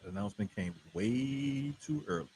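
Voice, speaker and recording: Husky man in casual wrestling talk. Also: fairly low pitch, animated, normal speed, darkish tone. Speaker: wrestling podcast co-host. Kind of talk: casual chat, wrestling commentary.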